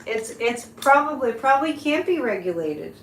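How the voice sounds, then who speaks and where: Chatty woman, higher voice, roomy echo. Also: sing-song, moderate pace. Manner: conversational, addresses listeners directly. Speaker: psychic live-stream host. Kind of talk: casual chat with live viewers. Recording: roomy echo, background noise.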